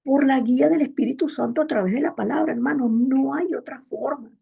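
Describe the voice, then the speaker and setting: A woman's voice: high-pitched, a little fast, vocal fry, warm tone, slightly rough. A woman preacher delivering a Sunday sermon in a church, with an emphatic, repetitive cadence, often addressing the congregation as brethren. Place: church in Montreal.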